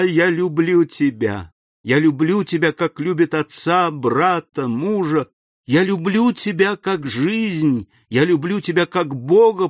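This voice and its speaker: A man's voice: medium pitch, dry recording, lightly acted. A man reading aloud and voicing a young devoted woman who pleads tenderly in a raised voice.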